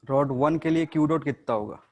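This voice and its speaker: Man, fairly high voice, physics teacher, step-by-step explanation, asks the students questions. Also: a little fast. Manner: explains step by step, often asks the class and checks with "ठीक है ना". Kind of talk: classroom lecture at a board.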